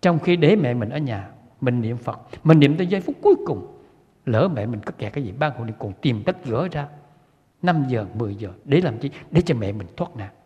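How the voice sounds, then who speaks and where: Male preacher, husky, earnest and repetitive, asks the crowd questions; muffled recording. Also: mid-range voice, animated, moderate pace, warm tone. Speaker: Buddhist lay teacher. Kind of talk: sermon. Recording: dull lo-fi recording with long hall reverb.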